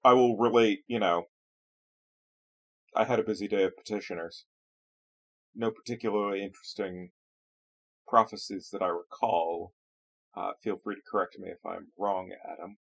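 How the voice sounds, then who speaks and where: Man player, lower pitch, formal polite in-character talk. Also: fairly even intonation, normal speed, creaky, pauses often. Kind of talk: in-character tabletop play.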